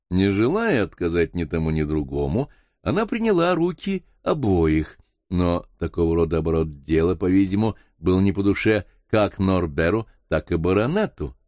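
A man narrating an audiobook in a measured, expressive reading. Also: deep voice, no room sound, clean studio sound.

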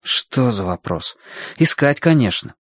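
A man reading a story aloud and voicing a young boy who talks in a high, pleading, tearful way. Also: sing-song, a little slow, a bit bright, breathy edge, no room sound, studio quality, heavily acted. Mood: worried.

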